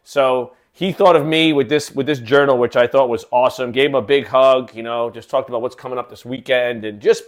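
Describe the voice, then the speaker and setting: A man's voice: medium pitch, fairly even intonation, a little fast, few pauses. A man hosting his own podcast in a casual solo talk, rambling with many fillers and restarts. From living in Kansas City. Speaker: podcast host.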